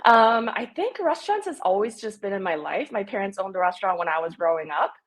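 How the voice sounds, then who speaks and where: A Korean-born woman in her thirties is a restaurant-owner guest on a casual podcast interview. Her medium-pitched voice is expressive and fast, and she sounds upbeat and enthusiastic.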